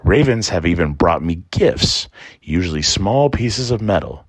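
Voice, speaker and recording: A man narrating a scripted trickster folktale and explaining it in an expressive storytelling manner. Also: low voice, unhurried, slightly rough. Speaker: storyteller and presenter.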